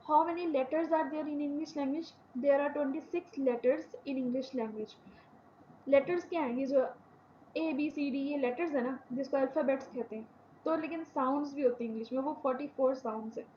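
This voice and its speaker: A woman teaching a university English class. She speaks slowly through her examples, repeats key words for emphasis, and hurries through her explanations. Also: sits high, warm tone, muffled recording, slight background noise. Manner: slow, careful example sentences, then quick explanatory asides. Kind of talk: classroom lecture.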